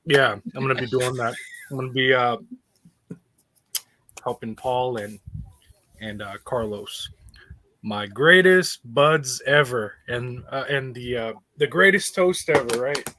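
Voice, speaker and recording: A man's voice: mid-range voice, unhurried, pauses often, sharp tone. Laid-back rambling man co-host. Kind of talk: casual livestream banter.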